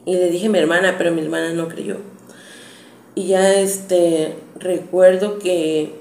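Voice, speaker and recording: Low, gravelly-voiced woman telling a story. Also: steady tone, a little slow, a little mellow. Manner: earnest, hesitant, conversational. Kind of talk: personal storytelling. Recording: echoey room with faint background noise.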